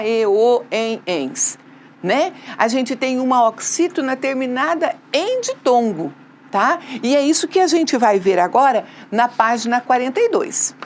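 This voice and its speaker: A woman's voice: on the high side, a little hiss or hum. A Brazilian woman teaching a remote school lesson, asking the class questions and answering them herself, with frequent tag questions. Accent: Brazilian Portuguese.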